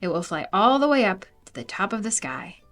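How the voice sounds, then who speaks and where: A woman's voice: medium pitch, sing-song, brisk, a bit bright. A woman voicing an upbeat male storybook frog, encouraging and insistent with a friend.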